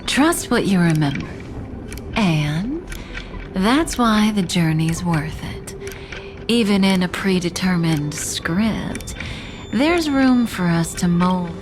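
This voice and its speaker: A woman voicing an enigmatic, composed seer in a video game, speaking solemnly and softly, with some words breathed out in a whisper. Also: on the low side, lively intonation, slow pace, over music. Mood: gentle, reassuring. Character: enigmatic, composed female seer giving gentle guidance. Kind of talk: scripted game character acting.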